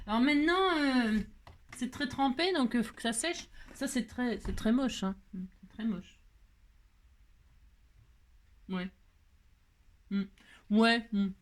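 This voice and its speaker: A woman from France hosting a casual craft tutorial, talking in a playful, self-mocking way and tagging her sentences with a quick "hein". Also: on the high side, a little hiss or hum. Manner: cooing baby talk to her pet. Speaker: crafting video host.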